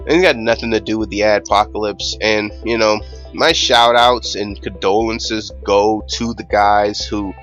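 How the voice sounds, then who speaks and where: A man's voice: fairly low pitch, steady tone, measured pace, a bit bright, dull audio, soft background music. A young man hosting his own channel, ranting casually with rambling, swear-filled emphasis. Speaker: YouTube channel host.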